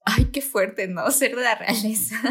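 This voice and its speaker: A young woman, co-hosting a casual podcast chat in a relaxed way, sprinkling in English slang. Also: a little high, husky. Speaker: podcast co-host.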